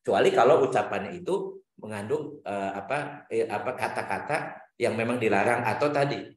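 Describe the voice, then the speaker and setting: A man preaching an Islamic lecture, reciting Arabic verses and telling stories with sweeping swings in pitch. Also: moderate pace, roomy sound. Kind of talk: religious lecture answering questions.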